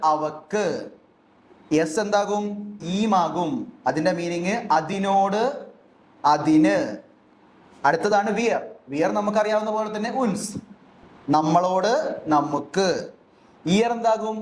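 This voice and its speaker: A man teaching German grammar, explaining step by step and asking questions he then answers himself. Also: sits high. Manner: asks questions and answers them himself, slowly and deliberately. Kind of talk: explanatory lesson. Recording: echoey room with faint background noise.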